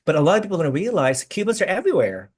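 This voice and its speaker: A man's voice: sits high, sing-song, rapid-fire, slightly rough. A man hosting a casual video-call interview, chatty and effusive, with many restarts. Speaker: host.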